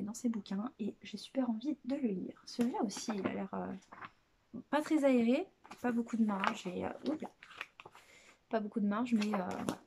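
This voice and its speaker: Brief: woman, book vlogger, mellow tone, casual and hesitant, lots of fillers, self-deprecating. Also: mid-range voice, gravelly, slight background noise. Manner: hesitant, many filler pauses and restarts. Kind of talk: casual chat presenting books.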